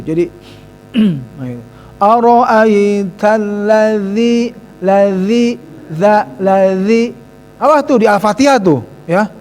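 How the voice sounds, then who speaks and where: A man with a Sundanese accent teaching Quran recitation casually, slowly drawing out recited phrases and repeating syllables to correct pronunciation. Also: sits high. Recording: long hall reverb, faint mains hum.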